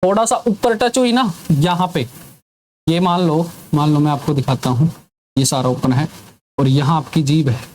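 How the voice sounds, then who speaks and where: A male teacher gives a classroom grammar lesson, drilling students with sounds repeated over and over and call-and-response questions, with teasing jokes thrown in. His voice is a little high and darkish, at a moderate pace, and there's a little hiss or hum on the recording.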